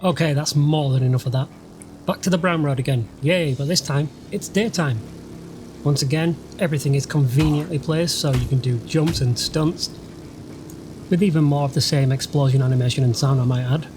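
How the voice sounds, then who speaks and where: A man's voice: a little high, moderate pace, over music. A man from the UK, a gaming channel host, giving sarcastic, dryly mocking voice-over commentary over gameplay. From United Kingdom. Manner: sarcastic, dry mocking humour. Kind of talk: let's-play voice-over commentary.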